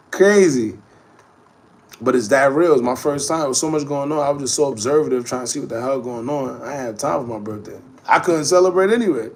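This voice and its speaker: Answering comments from his viewers, a thirty-something livestream host rambles on casually in slangy street talk. He speaks at a normal speed in a mid-range voice.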